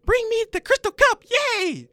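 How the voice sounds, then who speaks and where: A squeaky fairy-tale dog. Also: male voice, sing-song, measured pace, bright, forceful tone, dry recording, exaggerated voice. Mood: excited. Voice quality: squeaky falsetto. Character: high-pitched excited dog in a fairy tale.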